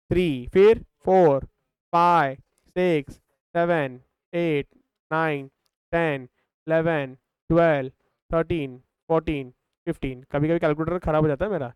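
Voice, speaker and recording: A man's voice: fairly high pitch, a little mellow, smooth, no room sound. A young man with an Indian accent teaching a math lesson, mixing Hindi and English and asking his class questions that he answers himself. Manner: talks over calculator steps, counting terms aloud. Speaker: math tutor.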